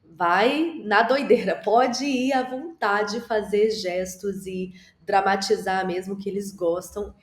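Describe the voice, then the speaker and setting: A woman's voice: medium pitch, fairly even intonation. Encouraging woman teacher in an echoey room. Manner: slow, drawn-out model sentences for repetition; encouraging, speaks directly to the viewer. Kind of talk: teaching an English lesson with gestures.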